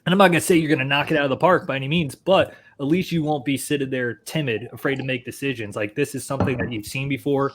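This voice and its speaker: A man's voice: mid-range voice, fast, hardly any pauses, a little hiss or hum. A man with an American accent, a podcast co-host, talking earnestly about training and often repeating words as he goes. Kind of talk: casual podcast interview.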